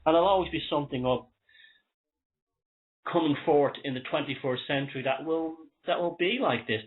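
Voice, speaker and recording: A man with an Irish accent giving an opinionated talk-show monologue in a conversational way, wheezy and short of breath from asthma. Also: medium pitch. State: asthma flare-up. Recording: thin phone-like sound.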